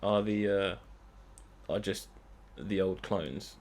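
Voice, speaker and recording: A man's voice: low-pitched, drawn-out words. A young man hosting a let's play, giving casual, rambling commentary with dry jokes. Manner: dry joking, rambling asides.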